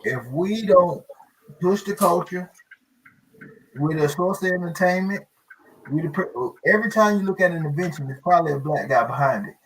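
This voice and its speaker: Guy talking casually, kinda high voice, emphatic, repeats himself, bit of noise behind him. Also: lively intonation, moderate pace, a bit bright, rough recording. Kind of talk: casual group discussion.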